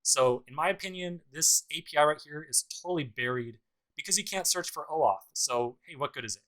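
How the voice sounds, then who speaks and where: A man's voice: on the high side, a little fast, a bit bright, low-quality recording. A man teaching a programming course in a casual screencast tutorial, talking through each step with dry sarcastic asides. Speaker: programming instructor.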